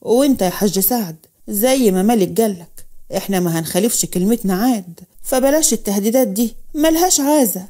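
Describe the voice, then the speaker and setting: A woman with an Egyptian accent voicing an older village father who speaks firmly to calm others. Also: mid-range voice, fairly quick, lightly acted. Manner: firm, placating.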